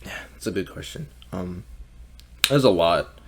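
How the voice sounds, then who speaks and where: Low-voiced young man chatting casually. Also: lively intonation, measured pace, fairly bright tone, a little hiss or hum. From Mexico. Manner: casual, swears often, many "like" fillers. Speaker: podcast guest. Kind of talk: casual conversation.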